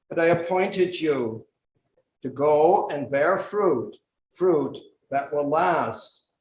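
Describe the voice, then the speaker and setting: A man serving as a bishop, praying and reading scripture at Mass in a slow, measured, solemn way, his voice ringing with cathedral echo. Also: a little high, a little mellow, a little hiss or hum. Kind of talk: liturgical prayer and scripture reading. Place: large church. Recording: roomy church reverb with faint ambience.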